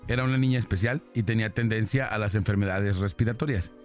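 A Mexican male radio host reads listener messages about paranormal experiences aloud and bantters casually with his co-host. His voice is lowish and quick, with faint music playing behind him.

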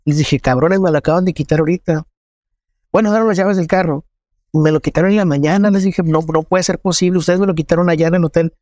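A man with a Mexican accent gives a personal testimony, his slightly raised voice earnest and measured. The sound is close and dry. He tells it steadily, as a journalist recalling events. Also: fairly high pitch, fairly even intonation, darkish tone, dry recording. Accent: Mexican Spanish.

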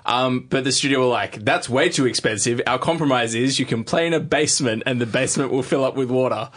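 A man's voice: medium pitch, a little fast, a bit bright. A man co-hosting a casual music chat with enthusiasm. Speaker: podcast co-host.

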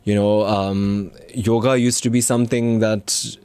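A man's voice: lowish voice, level tone, a little mellow, smooth, no echo. A man with a Durban Indian South African accent hosting a casual radio talk show, conversational and often rephrasing himself mid-thought. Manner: halting, frequently rephrasing, conversational.

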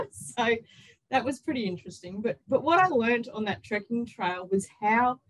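Chatty Australian woman, higher-pitched voice. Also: moderate pace, poor audio. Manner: excited, chatty, with quoted self-talk. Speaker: interview guest, author and workplace culture consultant. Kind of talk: casual interview chat, personal storytelling.

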